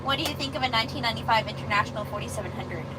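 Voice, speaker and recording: Woman, high-pitched voice, chatty livestream co-host, informal casual talk, noisy vehicle recording. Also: animated, rapid-fire. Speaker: livestream co-host reading viewer comments. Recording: clear vehicle and road noise.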